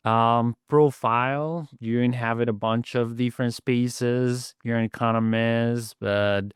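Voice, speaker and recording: A male podcast host introduces his guest and asks questions in a polite, slightly halting way. His voice comes across smooth and clear. The recording is dry, with the mic close. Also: medium pitch, no echo. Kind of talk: academic interview.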